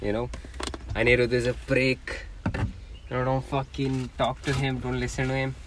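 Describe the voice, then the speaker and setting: A man's voice: mid-range voice, flat delivery, normal speed, recorded from a distance, noisy background. A young man co-hosting a podcast, teasing and swearing freely in casual banter. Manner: profane, teasing. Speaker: podcast co-host.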